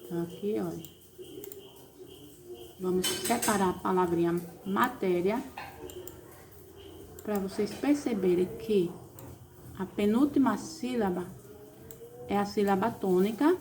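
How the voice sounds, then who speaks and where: A woman's voice: mid-range voice, unhurried, long pauses, noisy background. A woman teacher with a Brazilian accent, patiently explaining a recorded class lesson step by step. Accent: Brazilian Portuguese. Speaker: primary school teacher.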